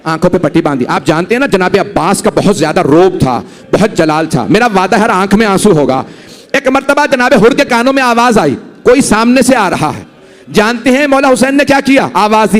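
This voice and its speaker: A man's voice: high-pitched, expressive, fairly quick, long reverb tail. A male preacher delivering a mourning sermon. He tells the story with rising emotion and keeps urging the listeners to look at him. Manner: rising, impassioned delivery at peaks.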